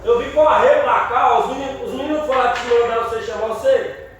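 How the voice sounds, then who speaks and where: A Brazilian man, an uncle pranking his nephew, talking in a loud, teasing, repetitive way in a casual video. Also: very high voice, a little fast. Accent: Brazilian Portuguese. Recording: echoey room, far from mic, faint noise.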